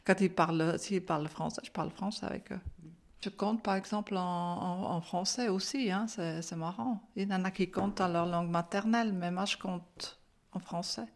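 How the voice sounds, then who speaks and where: In a fairly low voice at a moderate pace, an older woman who grew up with Swiss German shares memories of her life in French, with a Swiss German accent. She's chatty, laughs frequently and peppers her speech with "hein" and "euh."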